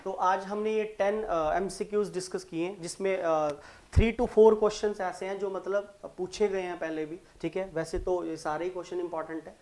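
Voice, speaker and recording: A teacher with a Punjabi accent runs an online exam-prep lesson on multiple-choice questions, mixing Hindi and English. The explanations come slowly, key terms get repeated, and "right?" is used often to check in. The voice is mid-range, steady and darkish.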